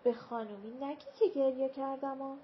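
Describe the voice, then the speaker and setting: A woman voicing an old nanny woman in a storybook reading, soft and secretive. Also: high voice, fairly even intonation, pitched above the performer's own voice, lightly acted. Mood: hushed. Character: old nanny woman, hiding her sorrow. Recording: dull lo-fi recording with faint hiss.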